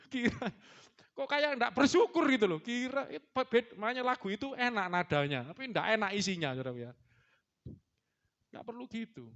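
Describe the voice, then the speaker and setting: A man's voice: extremely high pitch, expressive, fairly quick, a bit bright. A male pastor with an East Javanese accent gives a chatty, teasing sermon in a church, slipping in Javanese words. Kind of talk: casual joking sermon. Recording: dull lo-fi recording.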